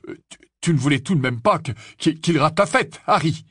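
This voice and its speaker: A man's voice: fairly high pitch, lively intonation, fairly quick, a bit bright, breathy edge, no echo, clean studio sound, pitched above the performer's own voice. A man voicing a cheeky teenage boy wizard who stammers a little, offhand and sheepish.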